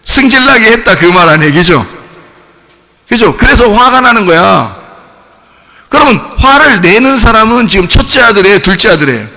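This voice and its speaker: High, lively, gravelly male pastor preaching. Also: moderate pace. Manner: animated, emphatic, asks the congregation questions. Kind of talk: sermon. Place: church sanctuary. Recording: reverberant church hall.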